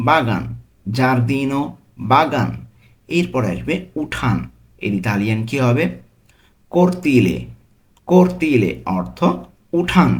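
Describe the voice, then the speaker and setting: A man with a Bangladeshi Bengali accent teaching a vocabulary lesson, slowly saying each word and repeating it with its meaning. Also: mid-range voice. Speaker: language teacher.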